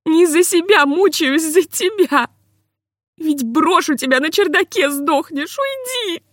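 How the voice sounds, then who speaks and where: Give a woman playing a devoted, proud wife in a storybook. Her voice is high and piercing, she is loud and near tears, and the sound is dry and close. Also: sing-song, moderate pace, no room sound. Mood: sobbing, furious. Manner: proud, shrill, sobbing outbursts.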